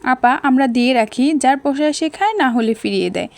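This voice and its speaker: A woman voicing a stubborn, defensive male restaurant waiter in an audio story, speaking in a flat, matter-of-fact way. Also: high-pitched, brisk, gravelly, no echo, clean studio sound.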